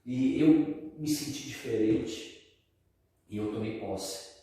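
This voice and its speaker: A man's voice: medium pitch, takes it slowly, mellow. A man with a Brazilian Portuguese accent telling his personal testimony in a casual, slangy way, full of fillers. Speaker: testimony speaker. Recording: echoey hall from far off.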